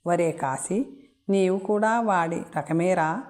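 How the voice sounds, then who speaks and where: A woman narrating a folk tale as an audiobook, in a slow, deliberate storytelling manner. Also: lowish voice, darkish tone.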